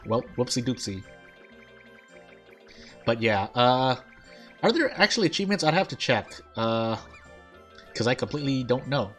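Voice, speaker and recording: Casting: male gaming streamer, mid-pitched, overbite articulation, rambling off-the-cuff commentary, music underneath. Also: animated, moderate pace, a bit bright. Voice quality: slight lisp-like articulation from an overbite, teeth catching the lip. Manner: rambling, thinking aloud. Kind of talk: casual rambling game commentary. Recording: game music behind the voice. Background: game music.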